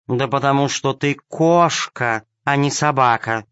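A man voicing a bold, sharp-tongued lame female cat in a storybook reading, on a dull, dry recording. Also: mid-range voice, a little slow, smooth, dry recording, close to an everyday voice. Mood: teasing. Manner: scolding, teasing.

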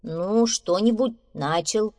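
A woman's voice: mid-range voice, slow pace, darkish tone, lightly acted. Woman doing a hesitant timid beaver. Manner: hesitant, muttering.

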